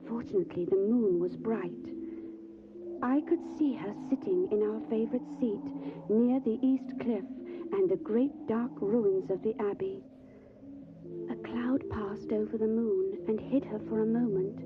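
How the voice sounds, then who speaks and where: In an audio drama, an actress voices an earnest, caring young Victorian lady, proper and solicitous, both acting scenes and narrating her diary. Her fairly high voice is a little slow and lightly acted, with an anxious tone. The audio sounds phone-like and faintly noisy.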